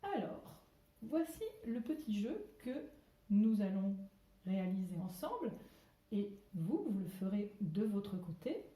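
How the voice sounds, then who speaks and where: A woman teacher giving a video lesson to young children from home, speaking slowly and articulating carefully, with playful exclamations. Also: medium pitch, sing-song, warm tone. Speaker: primary school teacher. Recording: echoey room.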